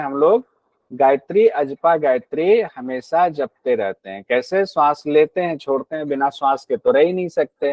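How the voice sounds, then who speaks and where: A man's voice: mid-range voice, no echo, low-quality recording. A man teaching a class on a yoga text, explaining patiently, repeating key points and asking his students questions.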